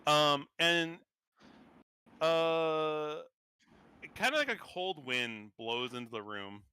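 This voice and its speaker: A man's voice: mid-range voice, big pitch swings, a little slow, pushed and bright, clean tone, dry recording. A man narrating as game master of a tabletop game, rambling with many fillers and restarts.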